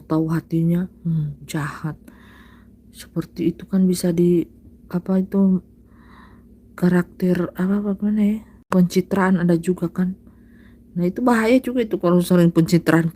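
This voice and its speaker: A woman preaches informally to her online congregation in a slow, unhurried way. Her voice sits a little low, and her talk drifts into soft whispers and light chuckles. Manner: soft, drawn-out delivery with whispered asides and frequent laughter; addresses listeners as "saudaraku" and "Bapak Ibu". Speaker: self-styled prophet on a live stream. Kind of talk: casual live-stream preaching.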